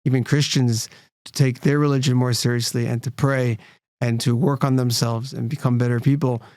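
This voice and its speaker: A man in a podcast interview talks through his ideas earnestly, circling back and restarting as he explains. His voice sits at an ordinary middle pitch. The sound is dry and close, with no room around it. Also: flat delivery, moderate pace, darkish tone, dry recording. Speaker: rabbi and nonprofit CEO, guest. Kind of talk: interview conversation.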